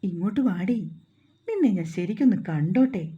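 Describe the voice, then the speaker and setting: Cruel young man, sneering, menacing, dark voice, woman narrator, dull recording. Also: mid-range voice, lively intonation, fairly quick, breathy edge.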